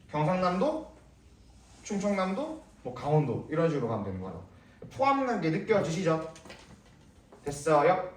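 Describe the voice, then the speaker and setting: A young male English teacher lecturing a class, firing questions at students and repeating words as a drill, heard from a distance in a classroom. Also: on the high side. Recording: echoey room, voice from a distance.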